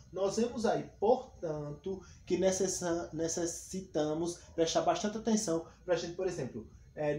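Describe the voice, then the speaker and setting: A man teaching a grammar class, patient and thorough, repeating each rule and giving example after example. His voice sits a little high for a man but has a warm, mellow tone. It sounds like a bare, echoey room, with a faint hum underneath. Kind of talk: explaining a grammar lesson.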